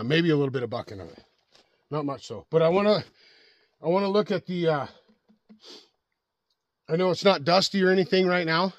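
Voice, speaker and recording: Out in a snowy forest, a middle-aged man with a fairly high-pitched voice gives a casual show-and-tell about his chainsaw, filmed on a helmet-mounted action camera. He's folksy, says things more than once, and often checks in with a "right?", all on a dry recording.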